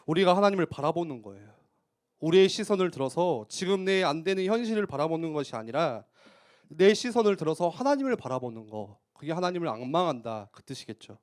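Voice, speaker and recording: A man preaching a youth sermon in church, conversational, tossing out rhetorical questions and punctuating with quick affirmations. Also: a little high, very animated. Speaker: youth pastor.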